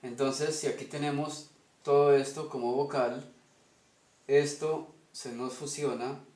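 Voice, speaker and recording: In a reverberant room, a man with a Colombian Spanish accent walks through an invented language on a whiteboard, one step at a time, stopping often to ask "ok?". He speaks at a measured pace in a steady, darkish, mid-range voice.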